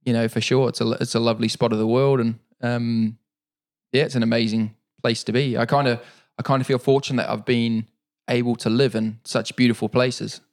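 A middle-aged para-cyclist from New Zealand chats casually as an interviewee. His medium-pitched voice moves fairly quickly, and he rambles in a relaxed way with fillers and restarts.

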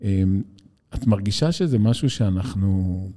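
A man's voice: fairly low pitch, expressive, mellow. A man interviewing in a reflective, conversational way, searching for words through long, hesitant questions. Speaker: interviewer and school educator.

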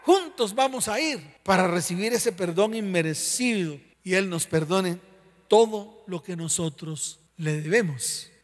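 A man's voice: high-pitched, lively intonation, measured pace, in a large hall. A male pastor preaching a sermon, emphatic, repeating key phrases and putting questions to his listeners.

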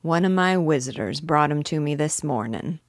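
A woman voicing a rough, cheeky male burglar, dropping his h's in broad dialect, in an audiobook. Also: deep voice, animated, moderate pace, no room sound, clean studio sound. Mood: amused. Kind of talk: audiobook character voice.

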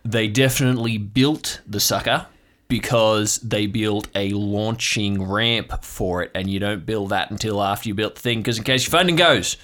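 A man's voice: on the low side, moderate pace, hardly any pauses, fairly bright tone, lightly acted. A man voicing a rambling, forgetful older uncle in an improvised tabletop role-play, sure the government always lies. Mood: conspiratorial. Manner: scattered, conspiratorial, forgetful. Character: rambling eccentric older male conspiracy-minded uncle.

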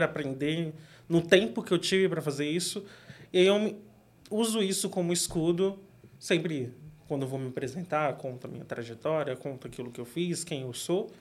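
A young man from Brazil with a São Paulo accent, talking casually as an interview guest, relaxed and quick to laugh. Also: fairly high pitch. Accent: São Paulo Portuguese. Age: young adult.

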